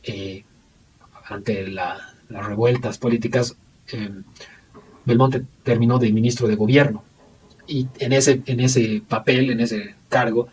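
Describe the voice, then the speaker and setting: A man's voice: mid-range voice, steady tone, slow, long pauses, darkish tone. Guy going over history research, lots of ums and restarts, mic kinda far off, little hiss. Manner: hesitant, many fillers and restarts. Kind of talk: unscripted recorded history presentation.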